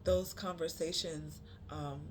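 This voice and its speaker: A spiritual card reader giving a channeled reading to viewers, repeating phrases for emphasis, with many pauses and fillers. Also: medium pitch, fairly even intonation, slight background noise. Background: music.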